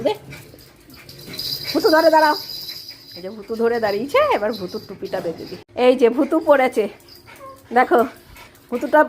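High, sing-song woman cooing at dogs. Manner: cooing, sing-song talk to pets, mixed with running commentary. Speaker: vlogger filming her pet dogs. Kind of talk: casual commentary and baby talk to dogs. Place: at home, indoors. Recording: loud background noise and barking dogs.

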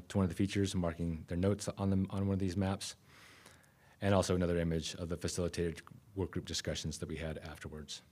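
Deep-voiced man giving a keynote. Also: darkish tone. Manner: measured, self-correcting restarts. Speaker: keynote speaker. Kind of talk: conference keynote presentation. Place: conference room, speaking at a podium. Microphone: podium microphone.

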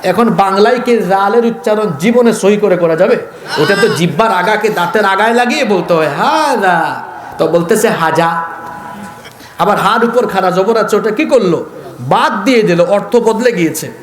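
A high-voiced man from Bangladesh preaches a sermon, firing questions at the crowd and calling for them to answer aloud. His voice rings out through an echoey public address sound. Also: moderate pace. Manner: exhorting, questions the crowd and asks for loud answers. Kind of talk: sermon at an outdoor religious gathering.

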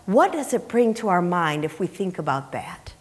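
Standing on the platform of a church sanctuary, a middle-aged woman preaches to her congregation, teaching scripture in a lowish voice with big pitch swings at a normal pace. She is emphatic yet conversational, repeating phrases and posing rhetorical questions, and the large hall gives her voice plenty of reverb.

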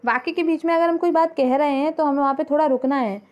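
A woman's voice: high voice, steady tone, fast talker, a little mellow. A woman school teacher giving a grammar lesson, patiently repeating points and quizzing her students as she goes.

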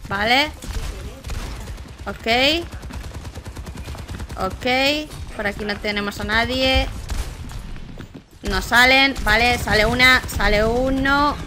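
A woman from Spain commenting casually on her own gameplay, chatting with viewers and crying out loudly when things go wrong. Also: a little high, slow, pauses often, background noise. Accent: Spain Spanish. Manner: chatty, reacts loudly with exclamations and cries for help. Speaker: gaming streamer.

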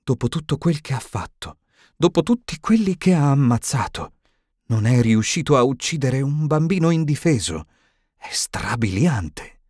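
A man voicing a stern elderly female professor in an audiobook, higher and tremulous, shaken and indignant. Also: lively intonation, moderate pace, darkish tone, dry recording, clean studio sound, lightly acted.

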